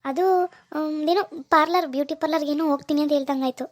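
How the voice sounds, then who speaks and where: A woman's voice: sits high, steady tone, fast talker, lightly acted. Woman voicing a polite young housemaid. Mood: deferential. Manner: polite, deferential. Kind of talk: cartoon voice acting.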